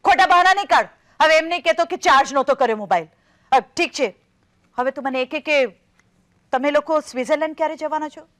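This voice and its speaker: A woman's voice: high-pitched, fast, a bit bright. An actress playing an emotional middle-aged woman in a stage play, newly separated after twenty years of marriage, who falters and stammers and then turns sharply insistent.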